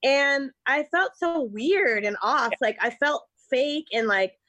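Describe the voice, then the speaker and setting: A woman's voice: high-pitched, lively intonation, slow, pushed and bright. A woman hosting a casual conversation, upbeat and chatty, talking like a Valley girl. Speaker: podcast host, inspirational speaker.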